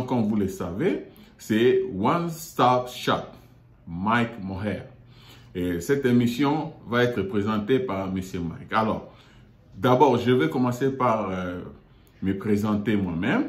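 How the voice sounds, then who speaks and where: A man's voice: lowish voice, a little mellow. Hesitant man in an echoey room. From Democratic Republic of the Congo. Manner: halting, many fillers and repeated words. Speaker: YouTube show host. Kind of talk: hesitant monologue. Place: meeting room in an office.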